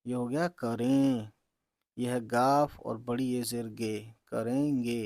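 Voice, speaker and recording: A man's voice: medium pitch, vocal fry, darkish tone, slight background noise. A man teaching reading, spelling out letters and vowel marks one by one, often checking in with "okay". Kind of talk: slow letter-by-letter reading lesson.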